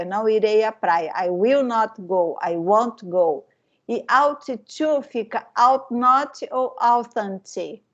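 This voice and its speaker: Slow, patient Brazilian woman teaching. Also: a little high. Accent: Brazilian Portuguese. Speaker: English teacher. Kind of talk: online class explanation. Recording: muffled lo-fi class recording.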